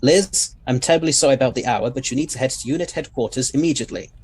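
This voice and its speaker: A man's voice: medium pitch, quick pace, a little mellow, husky, natural voice. A man playing the Doctor, a courteous and assured eccentric alien scientist with old-fashioned phrasing, in an audio drama. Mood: brisk, urgent.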